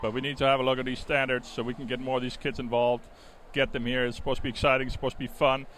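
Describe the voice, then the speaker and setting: A middle-aged native Danish speaker from Denmark delivers rapid-fire live swim commentary in a mid-range voice. He explains in a conversational way, with some hesitation. The audio is poor, and the swim meet's venue noise runs steadily and clearly behind him.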